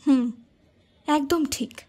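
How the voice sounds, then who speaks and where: A high-voiced uneasy young woman. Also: slow, mellow. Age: young adult. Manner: uneasy, sometimes irritated.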